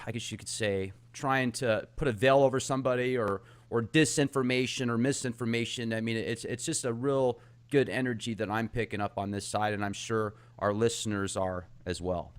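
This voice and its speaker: A man's voice: mid-range voice, clear, resonant tone. A man hosting a talk show, chatting casually and animatedly, laughing as he tells an anecdote. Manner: animated, laughing, acts out impressions. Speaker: host. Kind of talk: casual chat.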